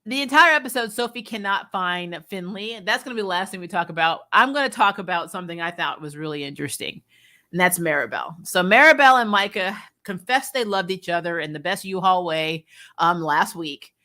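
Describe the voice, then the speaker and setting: A woman hosts a casual, opinionated video review of a TV episode, speaking candidly to viewers. She retells events animatedly and swears mildly, in a fairly low, fairly quick voice.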